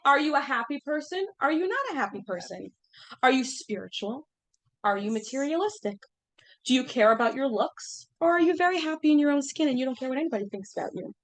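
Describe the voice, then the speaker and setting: A woman's voice: high-pitched, expressive, fairly quick. A woman in her thirties teaching an informal class, chatty and full of fillers, asking the group questions as she goes.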